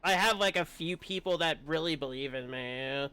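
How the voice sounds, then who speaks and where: On a game livestream, a male streamer with a fairly high, very smooth, clear voice chats casually at normal speed. His tone is bright and forceful, yet he comes across as hesitant and confiding, speaking candidly and putting himself down along the way.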